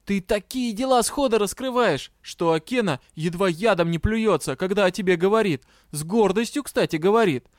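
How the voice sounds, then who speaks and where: A man's voice: sits high, normal speed, hardly any pauses, no room sound, clean studio sound, pitched above the performer's own voice, lightly acted. A man voicing a hot-tempered young male drow detective who scolds and rants in exasperation. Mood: lecturing.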